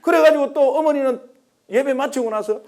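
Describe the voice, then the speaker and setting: A man's voice: extremely high pitch, brisk, darkish tone. A middle-aged man from Korea preaching a sermon as pastor, telling a story and acting out the voices of the people in it.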